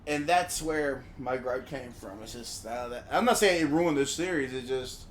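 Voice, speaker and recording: A man co-hosting a podcast in casual chat, answering with quick agreements and laughs. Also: medium pitch, echoey room, slight background noise. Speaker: podcast co-host.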